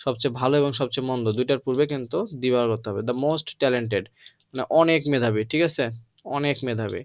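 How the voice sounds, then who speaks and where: A man's voice: mid-range voice, fast talker, no room sound, dull audio. Man teaching English grammar. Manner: explains in a mix of Bengali and English, drills with repeated questions. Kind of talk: lecture to students.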